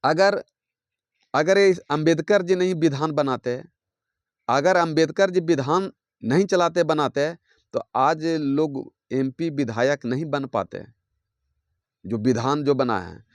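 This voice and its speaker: A man's voice: on the high side, slow, no echo, clean studio sound. A man giving a devotional sermon, preaching in a rhythmic, repetitive way with lists and homely examples.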